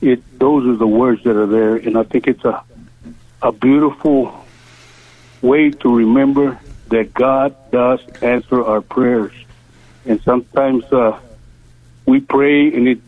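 A man's voice: medium pitch, steady tone. Earnest man in his seventies on a phone line. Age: 70s. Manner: earnest, halting, slow. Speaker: caller. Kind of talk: call-in radio prayer request. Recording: tinny dry phone line.

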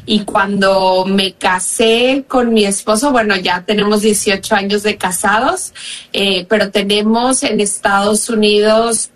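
A woman's voice: mid-range voice, steady tone, unhurried. Mexican woman therapist, earnest guest. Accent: Mexican Spanish. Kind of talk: interview answers.

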